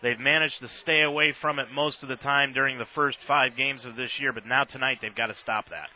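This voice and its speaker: A man's voice: mid-range voice, fairly even intonation, fairly quick. An American man hosting a football radio broadcast in a sportscaster's commentary style. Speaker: sports play-by-play host. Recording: slightly dull radio broadcast sound.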